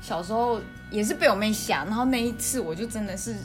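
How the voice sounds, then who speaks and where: A woman, co-hosting a podcast. She tells childhood stories in a casual, animated way, laughs often and acts out what people said, with music behind her. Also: mid-range voice, fast. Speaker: podcast co-host. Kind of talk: casual storytelling chat.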